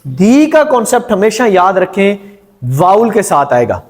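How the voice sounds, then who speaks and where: A man's voice: sits high, very animated, a little slow. A male teacher giving a grammar lecture in a classroom, quizzing the students and repeating their answers.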